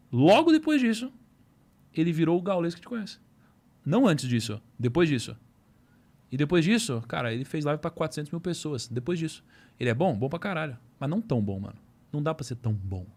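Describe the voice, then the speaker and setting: A man's voice: fairly high pitch, darkish tone. A man hosting a podcast, talking in a casual, slangy and earnest way. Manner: slangy and earnest, says "mano" and "cara" often. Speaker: podcast host.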